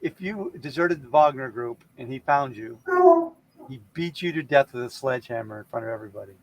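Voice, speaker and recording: A man's voice: mid-range voice, lively intonation, brisk, poor audio. Joking male comedy co-host. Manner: jokey, plays clips and mimics voices. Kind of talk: casual comedy banter.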